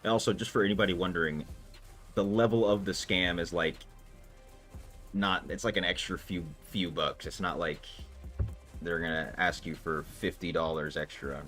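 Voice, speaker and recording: A man with a low, steady voice and a fairly bright tone chats at a moderate pace on a livestream. The gamer is loose and talkative, answering viewers with plenty of filler words over faint background music.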